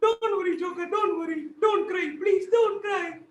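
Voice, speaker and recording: A man's voice: very high voice, drawn-out words, echoey room, shouting, far from the mic, voice pushed up, full character voice, rough recording. A man voicing a fussy, caring old grandmother puppet who calls out shrilly, mixing Tamil and English. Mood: worried. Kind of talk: puppet show.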